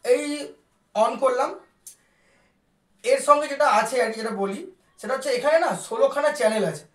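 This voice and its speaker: In an echoey room with slight background noise, a woman vlogger talks viewers through a product unboxing at a moderate pace. Her voice is high, her tone casual and chatty, and she sprinkles in English words.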